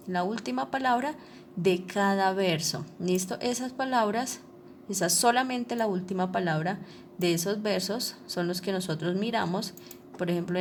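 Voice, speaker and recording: A woman teacher with a mid-range voice explains a lesson over slides, patient and repetitive, often checking that her listeners follow by repeating "¿listo?" and "¿cierto?". Slight background noise is present.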